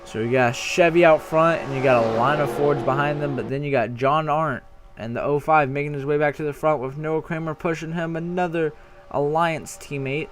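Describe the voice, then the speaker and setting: A young man giving casual play-by-play commentary on a simulated stock car race, rambling and often correcting himself, getting excited when the racing gets close. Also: fairly high pitch, moderate pace, faint music behind.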